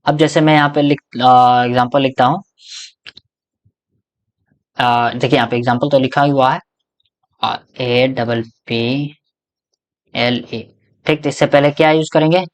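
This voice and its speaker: A man's voice: mid-range voice, fairly even intonation, moderate pace, long pauses. Male teacher, grammar lesson, rhetorical questions, answers them himself, checks in constantly. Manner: keeps checking in with the class.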